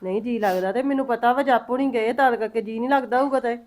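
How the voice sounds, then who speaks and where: A woman's voice: on the high side, fast, a little mellow, close to an everyday voice. An actress playing a middle-aged mother-in-law who coaxes, pries and scolds. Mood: coaxing. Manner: coaxing, prying, scolding. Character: fussing, caring mother-in-law. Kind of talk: family drama acting.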